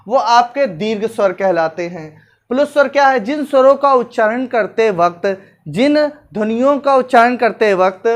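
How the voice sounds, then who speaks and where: A woman teacher giving an exam-prep lecture, repeating points and asking questions that she answers herself. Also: a little high. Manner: repetitive drilling, asks and answers own questions.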